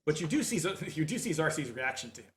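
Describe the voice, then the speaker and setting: A man running a tabletop game as game master, talking in halting bursts full of fillers and restarts. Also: on the high side, big pitch swings, echoey room, a little hiss or hum.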